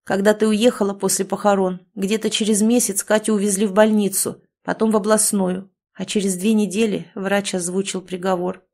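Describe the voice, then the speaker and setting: A woman reading an audiobook voices a patient woman who speaks softly and earnestly. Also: mid-range voice, flat delivery, a little fast, hardly any pauses, close to an everyday voice. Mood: calm. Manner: soft and earnest, pleading. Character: gentle, patient woman, a sister-in-law.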